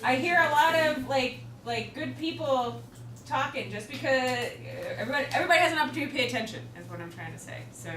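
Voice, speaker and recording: A high-voiced woman with a Chicago accent lectures a class in a chatty, joking way, full of ums. She sounds roomy and distant, recorded from across a classroom with clear background noise. Her pitch sits well above most women's. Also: lively intonation, fast. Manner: chatty, joking, many fillers. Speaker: teacher.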